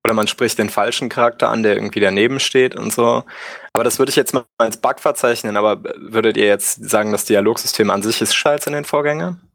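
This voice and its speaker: A man's voice: fairly low pitch, fast, vocal fry, fairly bright tone, no echo, studio quality. A man hosting a casual gaming podcast, rambling with many fillers and asking his co-hosts for their views.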